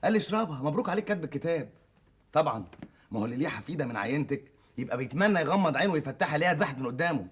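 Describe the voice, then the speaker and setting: A cheeky Egyptian young thief. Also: male voice, a little high, animated, rapid-fire, slightly rough. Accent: Egyptian Arabic. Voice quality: cheeky, teasing. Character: cocky young male thief, cheeky and haggling. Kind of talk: classic Egyptian stage comedy acting.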